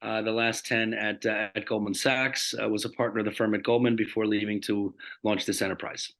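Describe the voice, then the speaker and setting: Man, company founder, flat even tone, businesslike, lots of uh fillers, video call. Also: fairly low pitch, brisk. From New Jersey, United States. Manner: businesslike, steady delivery with many "uh" fillers. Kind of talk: video call panel introduction.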